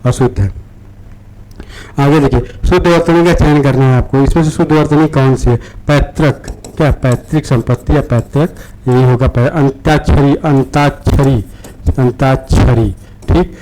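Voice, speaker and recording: A man's voice: medium pitch, steady tone, moderate pace, mellow, slight background noise, rough recording. A man explaining practice questions to exam students, repeating words and often checking in with "theek hai". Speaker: exam-prep teacher.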